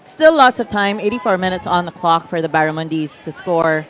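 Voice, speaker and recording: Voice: mid-range voice, animated, brisk, a bit bright, some chatter behind. A commentator at a live outdoor match who chats, adds stats and asides, and banters with the booth. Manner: chatty, gives stats and asides. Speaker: sports commentator.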